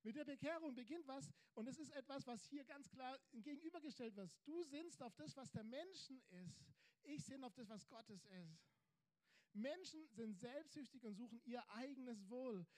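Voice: sits high, a little mellow. A preacher delivering an emphatic sermon, building points through repeated phrases and rhetorical questions.

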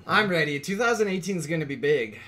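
Bright-voiced man hosting a casual chat. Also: a little high, quick pace. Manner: relaxed, laughs along, rambling. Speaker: podcast host.

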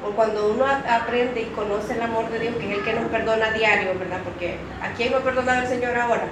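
A woman's voice: a little high, steady tone, quick pace. Distant woman in an echoey church. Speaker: pastor's wife. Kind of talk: testimony in a church service. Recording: roomy, distant mic, noise.

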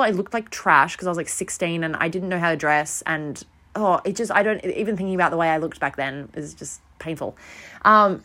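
This podcast host is a young woman whose medium-pitched voice carries a rambling, self-mocking tale. The delivery is loose and lively, yet she comes across as worn out.

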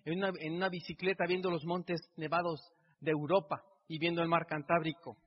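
A husky, fairly high male voice moves briskly in a level tone as this middle-aged motivational speaker from Mexico builds an emotional speech with repeated phrases. It was recorded with dull sound in a reverberant hall.

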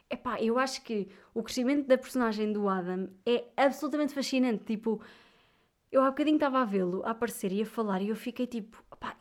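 A young woman from Viseu with a European Portuguese accent, ranting animatedly and casually to her viewers, full of little fillers. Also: fairly high pitch. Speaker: vlogger. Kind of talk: casual chat.

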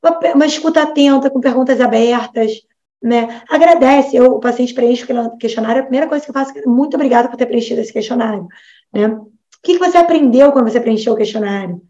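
A woman's voice: a little high, quick pace, warm tone, dull audio. A Brazilian woman who is a nutritionist, giving a casual online lecture to health professionals and checking in often with her listeners. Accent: Brazilian Portuguese. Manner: chatty, frequent "né?" and "tá?" tags, acts out patient dialogues.

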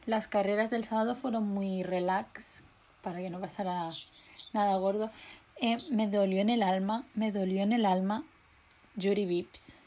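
A young woman from co-hosting a podcast, chatty and excitable with frequent laughs. Her voice sits at an ordinary middle pitch, and she speaks. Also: moderate pace. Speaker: podcast co-host. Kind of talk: casual chat.

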